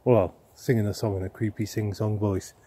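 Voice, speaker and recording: A low-voiced man wanders a churchyard on a ghost hunt, asking the spirits soft questions and musing aloud. His voice is dark and mellow, with a husky grain. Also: fairly even intonation, normal speed. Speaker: paranormal investigator host. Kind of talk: ghost-hunting vlog, talking to spirits. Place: outdoors in a churchyard.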